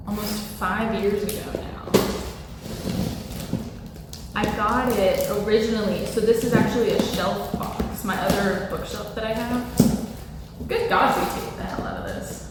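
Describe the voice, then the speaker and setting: Very echoey woman vlogging from across the room. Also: mid-range voice. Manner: informal, self-deprecating, talking through chores. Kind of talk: casual chat to camera while unpacking. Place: empty echoey room in a new apartment. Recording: very echoey room, distant mic, background noise.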